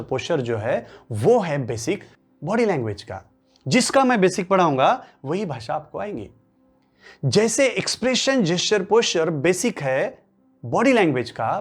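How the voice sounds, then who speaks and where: A man from Maharashtra whose first language is Marathi, giving a motivational workshop lecture as a coach who keeps asking rhetorical questions and answering them himself. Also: on the high side. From Maharashtra, India. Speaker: English-speaking coach.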